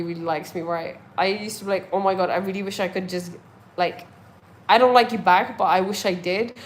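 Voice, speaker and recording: Young woman, casual vlog chat, loose and rambling, full of fillers; mid-pitched voice, faint room noise. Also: rough recording. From India. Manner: rambling, with many fillers and restarts. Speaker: vlogger.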